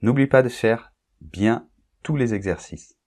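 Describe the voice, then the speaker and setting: A man's voice: mid-range voice, animated, measured pace, a little mellow. A man teaching French pronunciation, patiently repeating example words and often checking that the listener follows. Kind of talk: pronunciation lesson.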